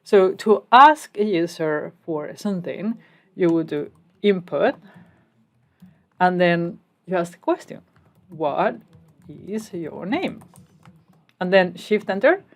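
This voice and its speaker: With a fairly low, expressive voice, this programming instructor from Spain talks slowly and leaves long pauses. She explains code step by step as she types, with casual asides, in an easygoing tutorial.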